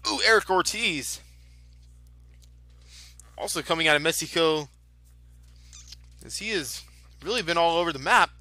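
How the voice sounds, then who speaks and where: A man works as a lucha libre announcer, commentating off the cuff in an excitable manner. His voice is very bright and forceful, pitched high for a man. The sound is dry and close, with little room on it. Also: a little slow, pauses often, dry recording. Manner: excitable announcer, exclaiming at moves. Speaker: wrestling commentator.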